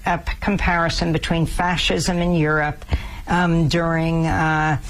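Deliberate interviewer, mid pitch, gravelly edge, pointed questions. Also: low-quality recording. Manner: pointed, deliberate questioning with long read-out quotes.

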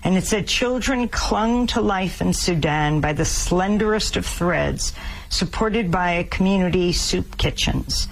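An interviewer asking pointed, deliberate questions and reading out quotes. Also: mid-range voice, gravelly, slight background noise, rough recording.

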